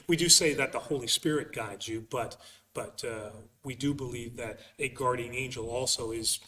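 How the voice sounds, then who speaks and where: Heard through a distant mic in an echoey hall, this priest has a mid-range, sharp-toned voice. Answering religious questions conversationally, he explains emphatically but haltingly, often circling back to repeat phrases.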